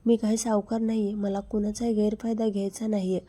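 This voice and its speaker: A woman's voice: mid-range voice, flat delivery, fairly quick, mellow, slightly rough, natural voice. A woman voicing a brazen man who speaks in an insistent, coaxing way. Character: brazen pushy man, friend of husband.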